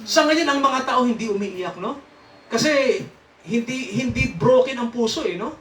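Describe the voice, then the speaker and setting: High, bright-voiced Filipino-language preacher. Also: male voice, a little slow, a little hiss or hum. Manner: asks the congregation questions, frequent "no?" and "sir"; chuckles often while teaching. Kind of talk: interactive Bible teaching. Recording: echoey room, mic at a distance.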